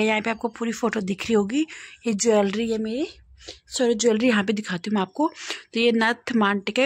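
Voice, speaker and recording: Young woman w/ uttarakhand hindi accent, kinda high voice, chatty and giggly walking thru her wedding pics. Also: no room sound. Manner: chatty and playful, laughing often. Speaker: vlogger showing her wedding album. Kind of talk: casual chat to camera.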